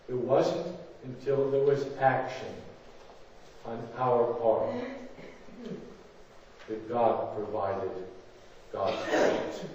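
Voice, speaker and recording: A man's voice: mid-range voice, mellow. A man preaching as a rabbi, telling a story dramatically and acting out the voices he quotes. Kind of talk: sermon. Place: large synagogue sanctuary. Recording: echoey hall, distant dull mic.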